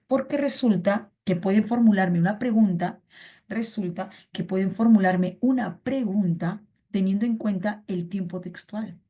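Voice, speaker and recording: Mellow-voiced woman teaching a chatty online class. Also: medium pitch. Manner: chatty, repeats phrases, calls students "chiqui". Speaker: pre-university verbal reasoning teacher.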